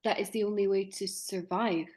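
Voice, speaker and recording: A woman's voice: mid-range voice, steady tone, moderate pace, a little mellow. A woman in her forties hosting a conversation, musing and hesitant as she poses questions. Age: 40s. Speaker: podcast host. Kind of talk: conversational discussion.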